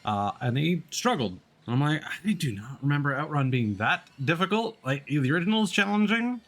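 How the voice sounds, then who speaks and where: A man with a fairly high, slightly bright voice and lively intonation speaks at a moderate pace. He commentates on his gaming livestream via headset mic, mulling things over aloud in an offhand, self-mocking manner.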